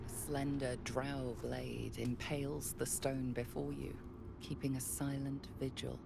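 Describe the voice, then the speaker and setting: A grave gravelly game narrator. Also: female voice, very deep voice, flat delivery, measured pace, noisy background, full character voice. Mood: solemn. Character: calm all-knowing female storyteller. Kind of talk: scripted second-person narration.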